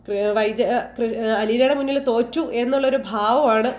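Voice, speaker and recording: A woman's voice: fairly high pitch, fairly even intonation, normal speed, darkish tone. A woman casually retelling a TV serial episode in a chatty way, reading the characters' quarrels inline as she goes. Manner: chatty, tags lines with "you know". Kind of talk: casual storytelling recap.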